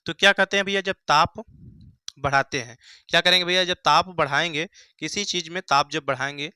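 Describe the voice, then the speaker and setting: A young man teaches a Hindi science lesson at a board, posing questions to the class and answering them himself. His voice is a little high, fairly quick, sharp-toned and smooth, with no room sound. He repeats key phrases and addresses students as "bhaiya" and "mere bhai."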